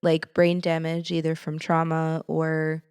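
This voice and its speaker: A woman in her thirties co-hosts a casual podcast chat, with a slightly low voice. She explains things thoughtfully and laughs easily between thoughts. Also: completely flat delivery, a little slow, darkish tone, clean tone. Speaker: podcast co-host.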